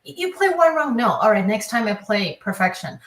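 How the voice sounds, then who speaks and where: Talking as an interview guest in an online video discussion, this woman, a classical pianist and teacher, reflects and explains with repeated words and phrases in a Taiwanese accent. She speaks fairly quickly with a high-leaning, slightly bright voice and big pitch swings. Her room is echoey.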